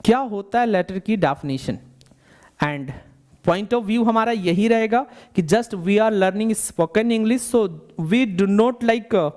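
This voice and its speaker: A man teaching a bilingual spoken English lesson, explaining step by step, repeating questions to the learner and slowing down to dictate definitions. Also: high voice, darkish tone.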